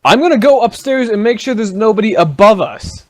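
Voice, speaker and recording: A man playing a tabletop role-playing game, talking excitably and swearing a lot. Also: high voice, a little fast. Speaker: player. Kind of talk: casual tabletop role-play chat.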